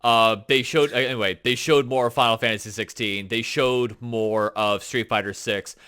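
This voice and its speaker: A man co-hosting a gaming podcast, talking in an excited, rambling way full of fillers. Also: medium pitch, moderate pace, clear, resonant tone. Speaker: podcast co-host. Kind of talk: casual chat.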